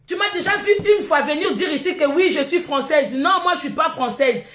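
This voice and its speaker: A Congolese woman with a high voice fires off a combative live stream rant. She scolds and insults her critics in a Congolese French accent. Her voice rings around an echoey room. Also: expressive, fairly quick, a bit bright, slight background noise. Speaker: livestream host.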